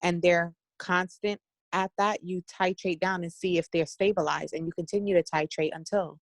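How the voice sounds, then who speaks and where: Calm female student, dry close sound on a video call, explains plainly. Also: on the low side, normal speed, no room sound. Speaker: nursing student. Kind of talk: class discussion.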